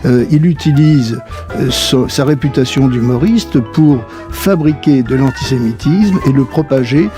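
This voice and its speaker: A man making a slow, measured, grave public statement. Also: medium pitch, music in the background.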